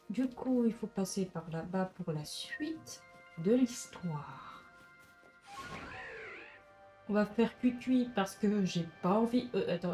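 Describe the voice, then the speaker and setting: A woman's voice: mid-range voice, warm tone. French woman, let's play commentator, chatty, talks to her game characters, faint music behind. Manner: chatty, talks to the creatures on screen. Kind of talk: casual gameplay commentary.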